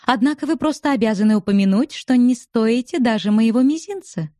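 A woman putting on a high teasing young widow. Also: expressive, fairly quick, mellow, dry recording, studio quality, natural voice. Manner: coquettish, bantering.

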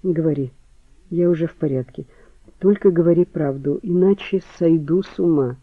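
A man's voice: fairly high pitch, normal speed, no echo. A man voicing a distraught young woman who pleads in a strained tone in an audiobook. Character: young woman, the tearful victim's close one. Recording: phone-like, dry.

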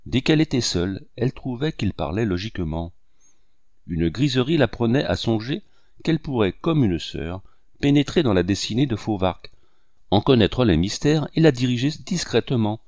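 A man narrating a literary novel as an audiobook, with expressive, dramatic phrasing. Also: on the low side, dry recording.

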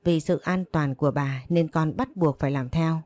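A woman's voice: low voice, moderate pace, darkish tone, dry recording, natural voice. A woman voicing a brash young female servant in a read-aloud story, whiny and insolent.

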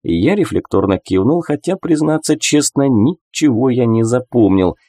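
A man narrating a first-person audiobook in an expressive storytelling manner. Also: medium pitch, normal speed, no room sound, clean studio sound.

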